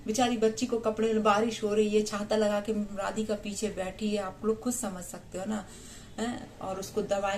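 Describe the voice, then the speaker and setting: An Indian woman in her thirties talks directly to her audience in a personal vlog. Her manner is indignant and emphatic, with frequent rhetorical questions, and her voice sits at an ordinary middle pitch. A faint background noise runs under the recording. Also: a little mellow. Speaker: vlogger.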